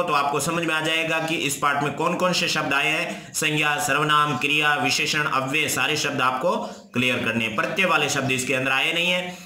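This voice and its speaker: A man's voice: fairly high pitch, pushed and bright. A man teaching a lesson to schoolchildren, going through the words one by one and asking questions that he answers himself. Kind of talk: classroom lesson explaining grammar. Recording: echoey room.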